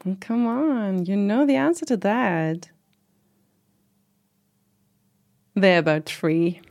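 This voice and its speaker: A woman's voice: medium pitch, expressive, a little slow, darkish tone. A woman playing a proud middle-aged commune organizer in an interview drama, talking in a casual, reflective, lightly wry way. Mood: subdued, gentle. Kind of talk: conversational oral-history interview acting.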